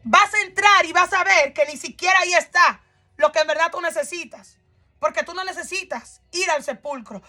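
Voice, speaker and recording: High, bright-voiced woman preaching fervently. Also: moderate pace, faint music behind. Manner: fervent, addresses listener directly with rhetorical questions. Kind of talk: sermon.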